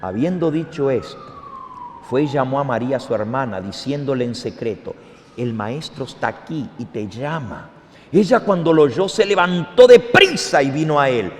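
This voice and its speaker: A man's voice: mid-range voice, lively intonation, normal speed, slight background noise. A man preaching a sermon as a pastor, reading scripture and pressing listeners with rhetorical questions in an impassioned way. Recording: long reverberation.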